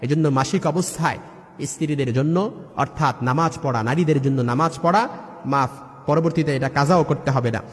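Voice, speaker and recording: High-voiced man preaching in a reverberant hall. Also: moderate pace. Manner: emphatic, lists rulings by number and recites verses. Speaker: Islamic preacher. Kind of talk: sermon.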